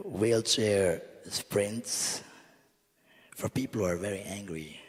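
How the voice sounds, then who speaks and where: Low-voiced young male stand-up comic. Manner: casual, deadpan, chatty storytelling with many fillers. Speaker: stand-up comedian. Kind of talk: stand-up comedy set. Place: comedy club stage. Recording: reverberant live venue.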